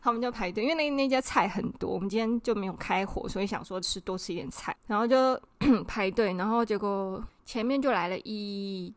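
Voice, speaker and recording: A woman, co-hosting a podcast and telling a story in an indignant, animated way, acting out the people she quotes. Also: medium pitch, fairly quick, hardly any pauses, dry recording. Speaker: podcast co-host. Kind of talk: casual storytelling chat.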